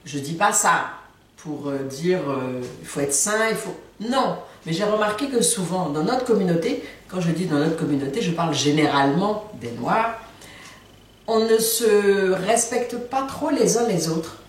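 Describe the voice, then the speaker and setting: A woman with a low, lively voice gives a relaxed language lesson, playful and joking, repeating words for her learners. She sits some way from the mic in a strongly echoing room, with faint noise underneath. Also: measured pace. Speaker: language teacher. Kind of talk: casual video lesson. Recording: very echoey room, far from mic.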